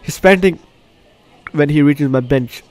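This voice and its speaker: Fairly high in pitch and a little slow, this male gaming host reads the game's on-screen story during a walkthrough. He reacts exclamatorily, with game music playing behind his commentary.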